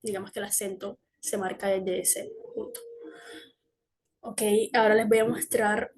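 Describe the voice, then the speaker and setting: A woman's voice: medium pitch, fairly even intonation, measured pace, husky. A young woman giving a class presentation, hesitant, with fillers and self-corrections. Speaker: student presenter.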